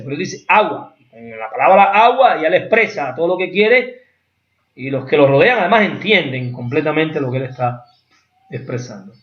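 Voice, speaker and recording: A man lectures in an explanatory way, often checking in with his listeners. His voice sits fairly high. The recording is roomy and somewhat muffled. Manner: explanatory, with rhetorical asides and acted examples. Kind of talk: academic lecture. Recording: echoey room, dull lo-fi sound.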